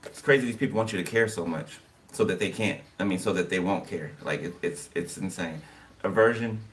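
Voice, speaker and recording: A man talks through a tarot reading in a loose, rambling way, padding his thoughts with "okay" and "you know." His voice sits a little low. He is heard from some distance over steady background noise, with birds chirping nearby. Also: fairly quick. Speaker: tarot card reader. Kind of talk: casual tarot reading monologue.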